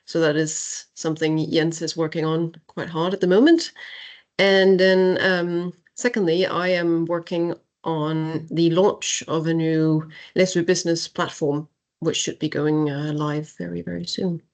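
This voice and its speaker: A woman's voice: low-pitched, little pitch movement, a little mellow. A woman giving a brief, to-the-point update in an online meeting. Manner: brisk, to the point. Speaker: project partner. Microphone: video call.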